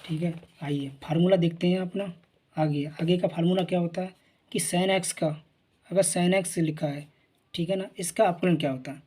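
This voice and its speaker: Working through math at the board, this male teacher speaks at a normal speed in a steady tone, his husky, slightly breathy voice sitting high but sounding mellow and dark. He keeps checking in with "theek hai na" and patiently, repetitively asks and answers his own questions.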